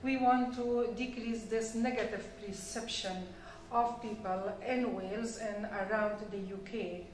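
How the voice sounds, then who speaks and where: A woman speaks as an interview guest in a roomy space, some way from the microphone. Her pitch stays fairly flat and she explains things earnestly, pausing often within phrases. There is faint noise in the recording. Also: distant mic. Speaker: charity representative, interview guest.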